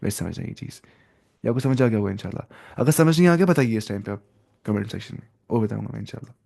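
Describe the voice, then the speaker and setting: A man's voice: fairly low pitch, lively intonation, fast talker, vocal fry, darkish tone. A young man teaching an Arabic grammar class to students, explaining each step, asking questions and mixing in English terms.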